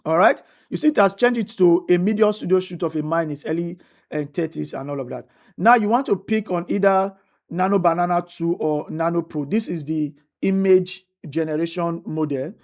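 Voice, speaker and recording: At a moderate pace and in a fairly low, darkish voice, a woman narrates a screen-recorded tutorial as the instructor. Each step gets repeated, and she keeps asking "right?" to check in.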